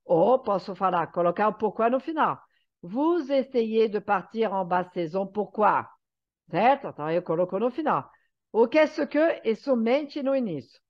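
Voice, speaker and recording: A woman's voice: medium pitch, animated, normal speed. Woman teaching grammar, lo-fi. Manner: explanatory, checks understanding with frequent "tá?". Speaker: French teacher. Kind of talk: online language lesson. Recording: slightly dull lo-fi sound.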